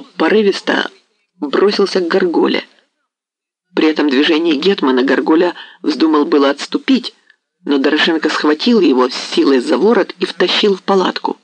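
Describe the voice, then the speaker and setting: A man narrating a historical novel for an audiobook in an expressive storytelling manner. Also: on the high side, no room sound.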